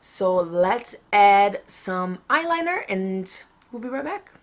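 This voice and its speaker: A woman with a medium-pitched voice presents a makeup tutorial in a casual vlog style. She is chatty and informal, often thinking out loud as she explains each step. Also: expressive, takes it slowly. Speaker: makeup vlogger.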